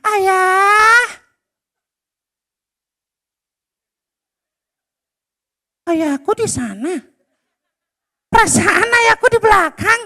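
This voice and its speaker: An eager, pious little schoolboy calls out in a high, bright voice. He talks quickly and loudly. His pitch leaps around a lot. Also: full character voice. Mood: calling out. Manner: excited, calling out loudly. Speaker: storyteller.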